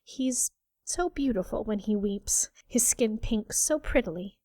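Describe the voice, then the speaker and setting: A woman's voice: fairly high pitch, animated, unhurried, dark tone, dry recording, clean studio sound. A woman reading a defiant young woman who bargains in a cool, controlled voice.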